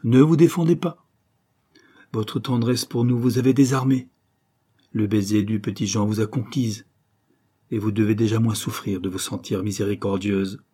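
A man voicing a warm-hearted young man, a loyal son speaking with effusion. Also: on the low side, fairly even intonation, moderate pace, breathy edge. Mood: effusive. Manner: effusive, pleading. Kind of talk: audiobook reading.

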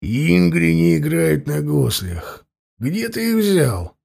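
A man voicing a grim, menacing warrior who speaks quietly, evenly and without hurry. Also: on the high side, vocal fry, slightly rough, exaggerated voice. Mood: cold. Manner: quiet, even and unhurried.

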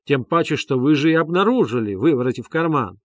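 A man reading an audiobook plays a pompous, fawning gentleman who talks in stiff, obsequious phrases. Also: a little high, expressive, fairly quick, dry recording, clean studio sound. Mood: condescending. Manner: obsequious, sprinkling polite "-s" suffixes.

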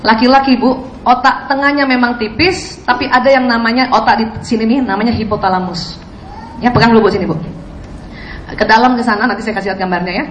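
Woman preacher, high voice, quizzes the audience, echoey hall, faint background hum. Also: steady tone, fast. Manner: questions the audience. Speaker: Islamic preacher. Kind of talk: sermon to women.

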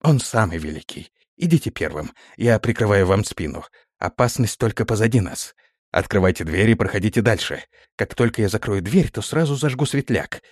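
A man's voice: lowish voice, expressive, moderate pace, husky, no room sound, clean studio sound. A man voicing a formal, rule-bound palace guard officer who speaks steadily. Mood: dutiful, formal. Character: dutiful, stiff male palace guard officer.

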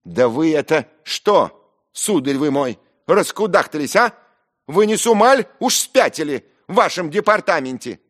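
A man's voice: on the high side, big pitch swings, moderate pace, pitched above the performer's own voice. A man voicing an insolent young man who sneers and giggles shrilly. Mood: scornful.

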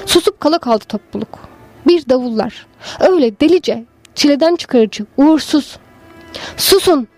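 High-voiced woman reading a story. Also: animated, darkish tone, no room sound, soft background music. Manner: slow, measured and lyrical. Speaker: story reader. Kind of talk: literary narration.

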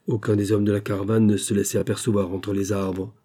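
A male audiobook narrator with a husky, dark voice, pitched somewhat low. He reads steadily and measuredly, in plain scripted narration. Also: flat delivery, fairly quick.

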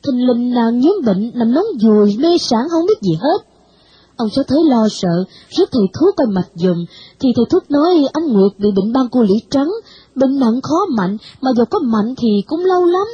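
A woman reading a novel aloud with expressive storytelling. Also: fairly high pitch, normal speed, slightly rough, no echo, dull audio. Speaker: narrator. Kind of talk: audiobook narration of a novel.

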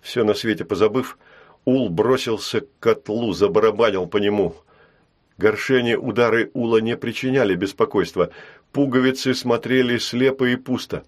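Low-pitched man, narrates a fantasy audiobook, even and measured.

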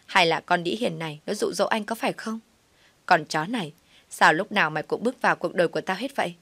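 A woman's voice: fairly low pitch, fast, a bit bright, dry recording. A woman voicing a pregnant young woman who pleads, accuses and cries out to a crowd. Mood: furious. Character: pregnant young woman, shrill, clingy and combative.

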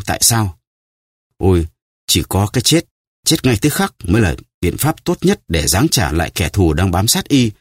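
A man's voice: low-pitched, darkish tone, no room sound, clean studio sound. A man voicing a desperate, starving male prisoner who stammers and pleads, in an audiobook. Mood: anguished. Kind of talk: audiobook character voice.

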